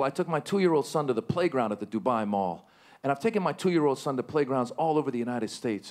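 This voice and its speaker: A male stand-up comedian working a live audience from a stage mic. He is animated, often jumping into high-pitched outbursts. His voice sits a little higher than the average man's.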